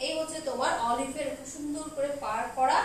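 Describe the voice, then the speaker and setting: Soft-spoken Bangladeshi woman selling clothes live. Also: high voice, steady tone. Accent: Bangladeshi Bengali. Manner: speaks slowly and softly, reading out viewers' comments. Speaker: online clothing seller hosting a live sale. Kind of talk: casual live-stream sales talk. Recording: roomy echo with faint background noise.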